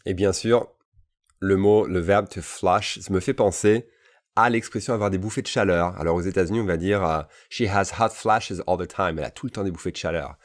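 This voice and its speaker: Deep-voiced male teacher, bilingual lesson, casual and repetitive delivery, checks in often. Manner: explains in French, models English phrases slowly and repeats them; casual asides with frequent "d'accord?" checks. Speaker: English teacher.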